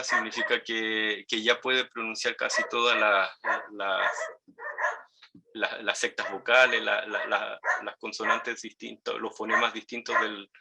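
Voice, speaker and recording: A man with a Chilean Spanish accent teaching a language lesson, patiently repeating and modeling each word slowly. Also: mid-range voice, sharp tone, a little hiss or hum, poor audio. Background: dogs barking nearby.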